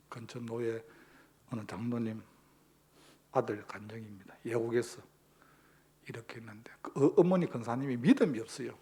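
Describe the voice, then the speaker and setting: Male pastor, slightly breathy voice, mid pitch, emphatic sermon. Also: mellow. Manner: emphatic preaching with rhetorical questions.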